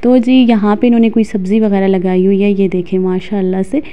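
A woman's voice: mid-range voice, little pitch movement, a little fast, clean tone, dull audio. A woman in her thirties from Pakistan, chatting casually and reminiscing while vlogging outdoors in a mountain village, recording on a phone at arm's length. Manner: chatty, reminiscing, many fillers. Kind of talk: casual walking vlog narration. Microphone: phone held at arm's length.

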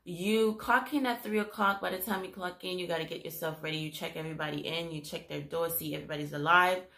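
Haitian lady vlogging about her aide jobs, lowish voice, lots of um, echoey room. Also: fast, gravelly. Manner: animated, switches into Haitian Creole, many fillers. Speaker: home health aide and nursing assistant. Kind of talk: casual storytelling to camera.

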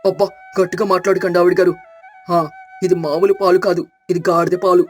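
A woman's voice: mid-range voice, steady tone, brisk, soft background music, lightly acted. A woman voicing a clever, cocky young son-in-law in a village storybook tale, speaking with sly confidence. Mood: secretive.

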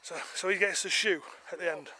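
A man's voice: high voice, brisk, sharp tone, slight background noise. A man in his forties with an English accent, chatting to viewers while filming himself outdoors on a golf course. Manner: chatty, addresses viewers as guys. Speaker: golf vlogger. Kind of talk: casual vlog commentary. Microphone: camera held at arm's length.

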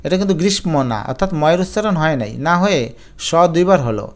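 A man's voice: on the high side, sing-song, fast talker. A male teacher, giving an exam-prep grammar lesson, patiently explaining rules step by step with repeated examples and speaking directly to his students. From Bangladesh.

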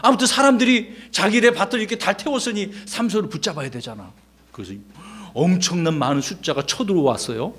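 A middle-aged male pastor giving a children's Sunday school sermon, telling the story with lively questions to the kids. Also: sits high, fairly quick, husky. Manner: animated storytelling, quizzing children.

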